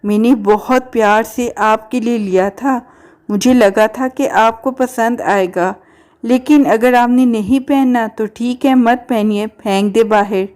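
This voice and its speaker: A woman's voice: a little high, steady tone, a little mellow, close to an everyday voice. A woman voicing a sensitive, dramatic little boy who pleads and sulks. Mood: hurt.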